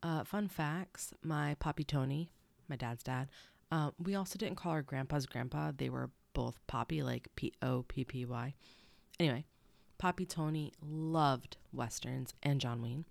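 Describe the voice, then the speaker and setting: A young woman chats her way through a solo podcast, wandering into asides as she goes. Her voice sits low and sounds stuffed up. The sound is dry, with no room around it. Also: a little slow, creaky, darkish tone, dry recording. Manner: rambling, chatty asides. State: stuffy nose. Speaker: podcast host. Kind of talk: casual solo podcast chat.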